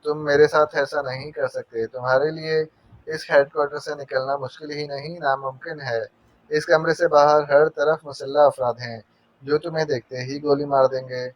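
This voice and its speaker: A man's voice: a little high, fairly even intonation, moderate pace, dry recording, close to an everyday voice. Man doing a stammering captured villain. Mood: angry. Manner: stammering, demanding. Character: captured male villain, stammering then threatening. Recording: dull dry narration recording.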